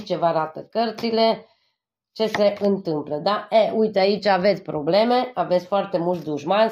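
A tarot card reader from Transylvania, Romania, does a reading for her viewers, speaking fondly and repeatedly checking in with a questioning "yes?" while a little congested from a cold. Her voice is on the low side and a little mellow, in a dull lo-fi recording.

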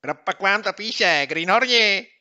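A mischievous rival schoolboy hollers mockery from a distance, his voice pushed high and stretched into slow sneering taunts, as a male narrator puts him on. The tone is bright and forceful, and the audiobook recording sounds a little dull. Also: expressive, exaggerated voice. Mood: taunting. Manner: mocking, taunting, drawn-out shouts. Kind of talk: audiobook character voice.

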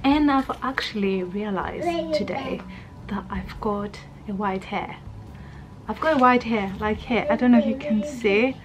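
A chatty thirty-year-old woman vlogs casually to camera from her bedroom, speaking unhurriedly in a slightly high voice. She rambles and uses lots of fillers. The camera is held at arm's length indoors, and there's a little hiss or hum.

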